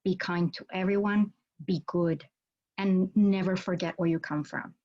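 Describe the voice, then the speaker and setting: A Puerto Rican law school dean whose first language is Spanish joins a video call as a guest from her home office, bookshelves behind her. She speaks earnestly and animatedly, gesturing a lot with her hands, in a lowish, slightly slow voice. The webcam audio is dull and lo-fi.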